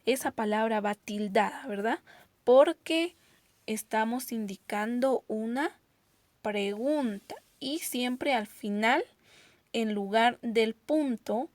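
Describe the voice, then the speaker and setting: A woman teacher giving a recorded grammar lesson to children, patient and explanatory, reading example sentences slowly and with expression and often checking understanding. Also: fairly high pitch, dry recording.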